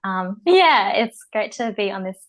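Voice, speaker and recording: A woman in her twenties with an Australian accent chats casually as a podcast guest, filling her speech with "um" and "like" and giggling easily. Her mid-range voice is animated, fairly bright, and a little slow.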